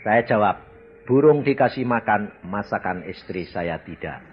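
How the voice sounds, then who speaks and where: Male preacher, lively swings of pitch, slightly dull recording with faint room ambience. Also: normal speed, slight background noise. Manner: dramatic storytelling with sudden loud exclamations. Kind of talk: sermon testimony.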